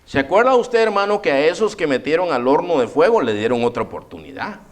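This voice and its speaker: A man preaching a sermon in a church, animated, addressing listeners as brother and acting out biblical characters' voices. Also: on the high side, fast. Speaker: pastor.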